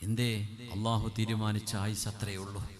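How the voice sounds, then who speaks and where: A man preaching a sermon. He swings between loud emphatic passages and quick, quiet asides, and chants scripture in a sing-song lilt. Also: lowish voice, flat delivery. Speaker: Islamic preacher. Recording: speech with a crowd audible behind.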